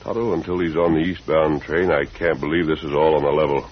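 A man's voice: very deep voice, fairly even intonation. An American man acting a masked western hero, stern, formal and commanding, in an old radio drama with a muffled, noisy recording. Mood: suspicious. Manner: deliberate, formal, authoritative.

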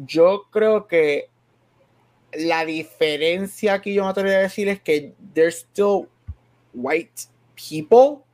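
A man's voice: sits high, slow. A man co-hosting a casual podcast chat, reasoning things out and switching often between Spanish and English. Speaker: podcast co-host.

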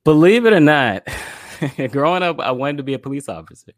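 A man from Florida, a guest in a relaxed interview, talking about his life in a reflective way with frequent fillers. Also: a little high, a little fast, dry recording, clean studio sound. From Florida, USA. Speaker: podcast guest, filmmaker and brand strategist. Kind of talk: casual interview conversation.

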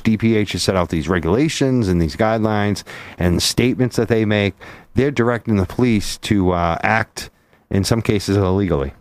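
A man's voice: lowish voice, no room sound. A man co-hosting a casual radio talk show, joking and teasing before turning to the topic. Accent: Boston. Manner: joking and teasing, fast and animated. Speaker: radio co-host.

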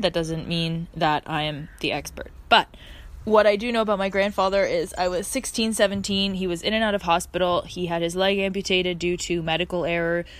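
A woman hosting a casual, reflective podcast from her backyard, speaking in an earnest, effusive way. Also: fairly low pitch. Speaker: podcast host. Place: outdoors in a backyard.

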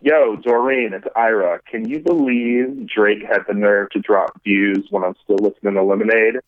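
A man's voice: lowish voice, steady tone, normal speed. A man leaving a casual, offhand answering machine message over a phone line. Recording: tinny phone line with faint music.

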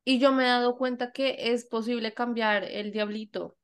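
Colombian girl podcasting, bit high voice, laughs a lot, acts out little scenes. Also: moderate pace, clear, resonant tone. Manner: animated, laughs often, acts out dialogue. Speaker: podcast co-host. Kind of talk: casual chat.

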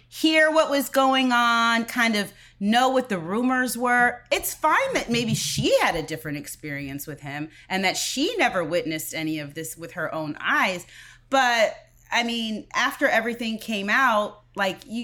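A woman co-host with a bright, forceful tone chats casually about the news. She talks in loose runs full of fillers and breaks into laughter easily. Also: fairly high pitch. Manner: chatty, many fillers, laughs often. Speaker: podcast co-host. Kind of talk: casual chat.

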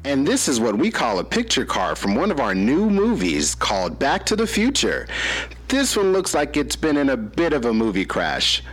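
A man's voice: medium pitch, wildly swooping pitch, moderate pace, fairly bright tone, husky, full character voice, low-quality recording. A man voicing a chipper studio tram tour guide with a showy patter.

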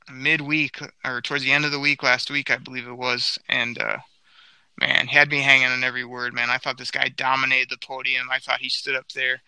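A man hosting a sports talk show, excitable and argumentative as he makes his case. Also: medium pitch, clear, resonant tone, no echo, rough recording. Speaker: sports podcast host.

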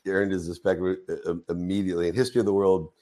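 A male co-host in casual chat, affable and quick with his interjections. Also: low-pitched, little pitch movement, dark tone.

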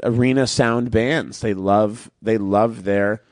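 A man's voice: lowish voice, fairly even intonation, no echo, clean studio sound. Chatty man in casual podcast talk. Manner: chatty, laughs often, does quick mock voices. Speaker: podcast co-host. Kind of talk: casual chat.

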